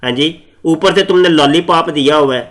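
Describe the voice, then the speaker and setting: Scornful, bright-voiced man. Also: fairly high pitch, normal speed. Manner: combative, mocking, interrupts. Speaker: channel host. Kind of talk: scornful commentary on a played clip.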